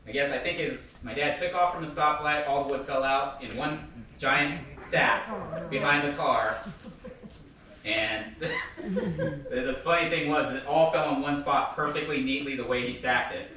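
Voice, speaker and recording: Bright-voiced man telling stories in an echoey hall. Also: a little high, measured pace, distant mic, a little hiss or hum. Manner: chatty storytelling with laughs and loud quoted outbursts. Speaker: son giving a eulogy. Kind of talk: casual anecdotal eulogy. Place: funeral service hall.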